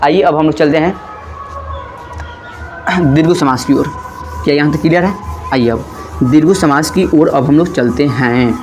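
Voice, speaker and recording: A man with a fairly high voice teaches a grammar class and keeps asking questions, then answers them himself. He drags some words out slowly while he writes on a board, and faint music plays under him. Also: darkish tone, low-quality recording.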